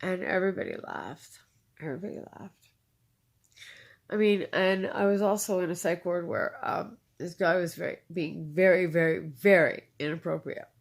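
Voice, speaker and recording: Woman telling her story, kinda low gravelly voice, keeps repeating herself for emphasis. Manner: repeats phrases for emphasis, halting with fillers. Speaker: interviewee. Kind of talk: personal storytelling in conversation.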